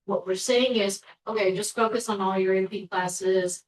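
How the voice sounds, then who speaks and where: A woman's voice: medium pitch, steady tone, normal speed. A woman school board member explaining her view in a meeting discussion, in a thoughtful way with fillers. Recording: echoey room, distant mic.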